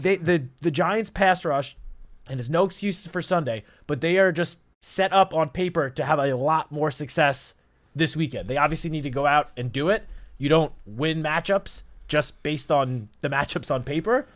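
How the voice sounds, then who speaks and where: This man co-hosts a sports radio show, talking at normal speed in a somewhat high voice. He walks through statistics methodically, constructing a detailed, analytical case.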